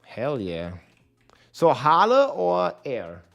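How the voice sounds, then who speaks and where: A male game streamer heard through livestream headset audio, talking things through out loud and answering his chat as he goes. His pitch moves around a lot in a lively, animated way. Soft music plays faintly behind him. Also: slow pace, creaky. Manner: thinks aloud, addresses chat directly. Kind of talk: casual livestream chat while planning builds.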